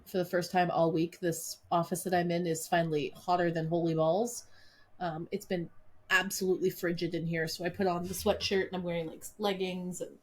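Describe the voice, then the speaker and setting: A woman's voice: fairly low pitch, darkish tone, husky. A woman co-hosting a podcast in casual chat, playful and self-deprecating, speaking from a small office. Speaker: podcast co-host. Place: small office with a fan running.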